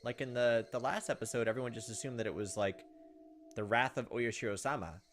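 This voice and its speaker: Casual let's play commentary comes from a medium-pitched man talking fairly quickly, with a little hiss or hum on the audio. As a gaming video host, he goes back and forth between voicing visual novel text and reacting to it himself.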